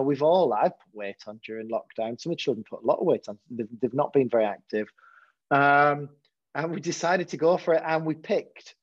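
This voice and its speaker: A man with a slightly raised pitch talks candidly in an interview as a head teacher. He stumbles and restarts his sentences often. The recording is dry and a little dull, with a lo-fi sound. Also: no echo. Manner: hesitant, many repeated false starts.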